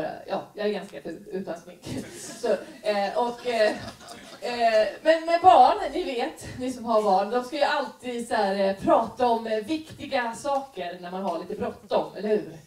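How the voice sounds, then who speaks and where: A woman's voice: medium pitch, darkish tone, distant mic. A woman comedian doing stand-up, telling self-mocking stories about her kids. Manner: self-deprecating, quick anecdotal storytelling. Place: comedy stage. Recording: echoey venue, heard from afar.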